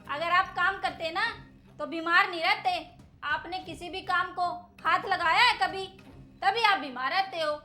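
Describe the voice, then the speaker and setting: A woman's voice: very high voice, moderate pace, background noise. A woman acting a scheming young daughter-in-law in a family drama skit, talking in a curt, dismissive, scolding way. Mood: scornful.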